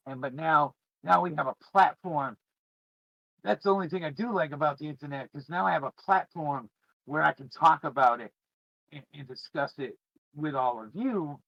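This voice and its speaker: A middle-aged man, a podcast host and streamer, chats casually with his viewers and reminisces in a rambling, informal, emphatic way. His voice is a little high and gravelly with a fairly bright tone, captured in a dry, lo-fi recording.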